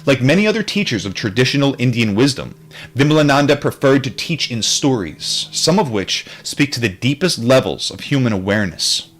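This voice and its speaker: A streamer reads aloud from a book informally, now and then tossing in casual commentary and tripping over hard terms. His mid-range voice is very animated, a bit bright, and a little fast.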